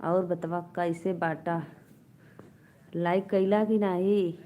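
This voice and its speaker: A woman's voice: on the low side, steady tone, slow pace, warm tone. A woman with an Awadhi accent hosting a casual live stream from a phone, reading out viewer comments and bantering playfully with them.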